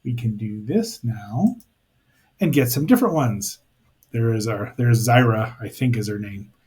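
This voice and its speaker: A man's voice: mid-range voice, animated, a little slow, darkish tone, husky. A man hosting a podcast, giving a casual recap and commentary with wry, hesitant asides. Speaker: podcast host.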